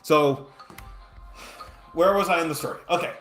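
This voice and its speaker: A young man with a bright, tense tone talks over a strategy game, trailing off and restarting as he tells a story between moves. His voice sits a touch high, and music plays faintly behind him. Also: normal speed. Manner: rambling, self-deprecating, frequent fillers and restarts. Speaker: gaming streamer. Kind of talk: casual gameplay commentary with storytelling.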